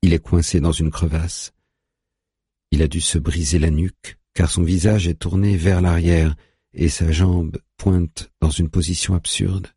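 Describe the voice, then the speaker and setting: Deep dark guy reading a thriller audiobook, raspy, super dry close sound. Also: little pitch movement, unhurried, dry recording. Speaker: narrator. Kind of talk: audiobook narration.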